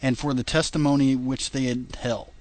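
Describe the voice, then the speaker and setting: A man's voice: medium pitch, fairly even intonation, moderate pace, a little mellow, no room sound. A man co-hosting a casual podcast, reading long scripture passages aloud with stumbles and chatting between them. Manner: reads long passages with stumbles and laughs at the wording. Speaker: podcast co-host.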